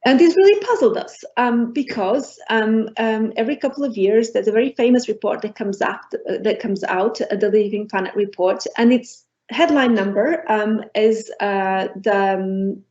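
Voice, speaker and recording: A middle-aged woman from Portugal giving an academic lecture as a professor, pausing often on ums and restarting her phrases. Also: mid-range voice, darkish tone. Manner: hesitant, many ums and restarts. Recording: dull lo-fi recording.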